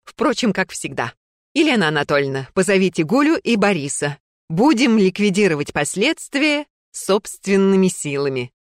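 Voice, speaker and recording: A woman's voice: medium pitch, very animated, moderate pace, no room sound, clean studio sound, lightly acted. A woman reading a story, voicing an elderly female museum keeper who speaks in a stately, commanding way.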